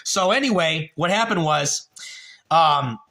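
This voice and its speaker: A man's voice: a little high, lively intonation, slow, bright, forceful tone. A man in his late thirties hosting a livestream, telling a rambling, profane story and talking to chat viewers by name. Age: 30s. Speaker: livestream host.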